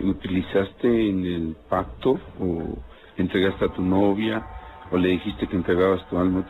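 A male pastor probing a caller with insistent questions on an archive radio show. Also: sits low. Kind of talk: radio call-in counseling. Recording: phone-like archive radio with music.

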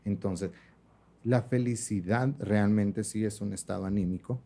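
A man's voice: lowish voice, measured pace, creaky, husky. A young man, chatting as a makeup artist guest and acting out the voices in his stories. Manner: animated storyteller, acts out quoted voices, laughs often. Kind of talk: casual conversational interview.

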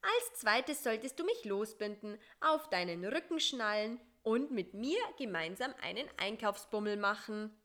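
A woman's voice: lively intonation, fairly bright tone. Busy bossy fly, voiced by a woman. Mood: eager. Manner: eager, talks fast and high. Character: pushy, clever male fly, restless and bossy.

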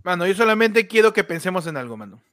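A man with a Peruvian accent co-hosting a casual comedy podcast, loud and joking, laughing often. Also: high-pitched, very animated, quick pace, faint music behind. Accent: Peruvian Spanish. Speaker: podcast co-host.

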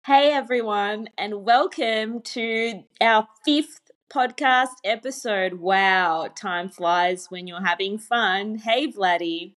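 A woman's voice: mid-range voice, slow pace, hardly any pauses, fairly bright tone, soft background music. A woman from Australia co-hosting a podcast, chatting in a giggly, teasing way. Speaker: podcast co-host. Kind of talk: casual chat.

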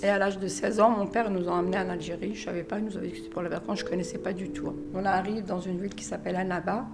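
A middle-aged woman from France tells her life story in a low, gravelly voice. She acts out the lines of the people in her story and sometimes drops to a hush. Clear music plays behind her. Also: level tone, racing. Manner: acts out quoted dialogue in her story, drops to hushed asides. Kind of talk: personal storytelling.

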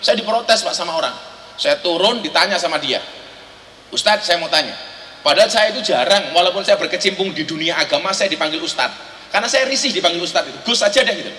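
A man's voice: sits high, lively intonation, quick pace, bright, forceful tone. A man with a Javanese accent giving a joking sermon full of rhetorical questions and teasing asides, recorded in a large hall. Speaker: Islamic preacher. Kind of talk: humorous sermon. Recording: echoey hall, faint ambience.

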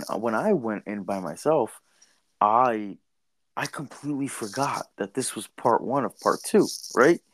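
A young man, a podcast guest, talking casually in slang, excited and repeating himself. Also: mid-range voice. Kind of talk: casual chat.

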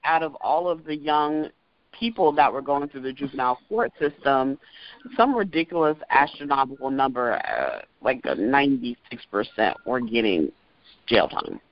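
A man in his thirties co-hosting a casual podcast, talking in a chatty, animated way with plenty of filler words. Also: mid-range voice, moderate pace. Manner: chatty and animated, with many ums and likes. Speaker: podcast co-host. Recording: dry, dull lo-fi audio.

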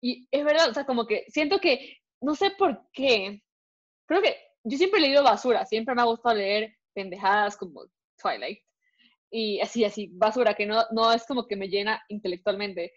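Chatty and relaxed, this young female podcast co-host mixes Spanish with plenty of English words. She speaks at a moderate pace in a fairly high voice, captured on a dull lo-fi recording.

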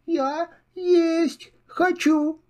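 An older man doing a high whiny little kitten. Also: steady tone, very slow, warm tone, heavily acted. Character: small weepy stubborn kitten, a little boy.

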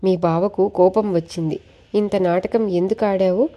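Timid kind wife from a storybook, gentle anxious lines, read by a woman narrator; warm low voice. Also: steady tone, moderate pace, dull audio, close to an everyday voice.

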